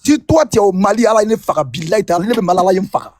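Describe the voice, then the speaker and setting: A man's voice: high voice, very fast, a little mellow. A man on a debate panel, accusing and taunting, repeating his charges over and over. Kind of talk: heated online debate.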